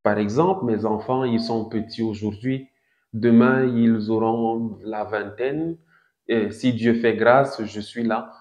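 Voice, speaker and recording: A man in his thirties giving a didactic talk as host of a crypto channel, deliberate, with emphatic rises on key points. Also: medium pitch, steady tone, darkish tone. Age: 30s. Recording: echoey room, dull lo-fi sound.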